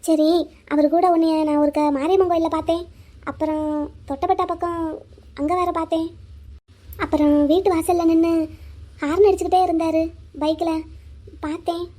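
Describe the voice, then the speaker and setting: A woman's voice: very high voice, fairly even intonation, moderate pace, long pauses, warm tone. A woman voicing the heroine's nosy, teasing friend in a cartoon, firing off questions. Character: chatty teasing young village girlfriend. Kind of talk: cartoon voice acting.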